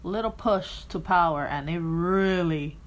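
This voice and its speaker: A woman co-hosting a podcast, talking politics casually, with blunt, profane remarks. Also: fairly low pitch. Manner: blunt, profane, quick asides. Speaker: podcast co-host.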